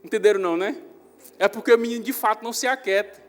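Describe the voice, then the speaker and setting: A young man, a pastor with a Northeastern Brazilian accent, preaching a sermon in a church hall with animated storytelling that rises loud on emphasis. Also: high-pitched, quick pace. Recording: reverberant church hall with faint music.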